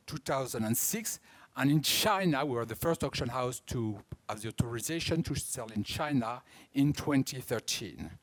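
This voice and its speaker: French-accented man giving a talk. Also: medium pitch. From France. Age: 50s. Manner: halting, restarts words, explanatory. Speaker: auction house director. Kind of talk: conference talk.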